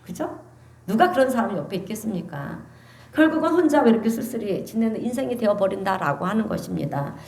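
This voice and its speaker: A woman pastor preaching a sermon, animated and calling the congregation to answer amen. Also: mid-range voice, fast, gravelly. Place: church sanctuary. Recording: echoey church sanctuary.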